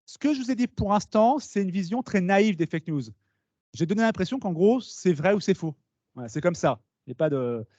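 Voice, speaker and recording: Lively high-voiced man giving a talk. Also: no room sound. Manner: lively, explains with asides and questions to the audience. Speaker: speaker at a talk. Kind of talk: conference talk to students. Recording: dull, slightly lo-fi meeting recording.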